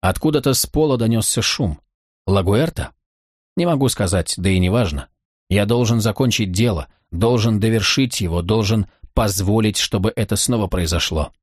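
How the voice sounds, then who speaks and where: A man narrates a first-person audiobook in a low, steady voice, measured and tense. The recording is dry and close, with no room sound. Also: breathy edge, no echo.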